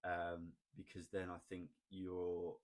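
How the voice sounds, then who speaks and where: A man explaining ad data in a casual, chatty screen-recorded tutorial, often asking "right?" and pausing on "um". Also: sits low, monotone. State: has the hiccups. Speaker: online marketing tutor.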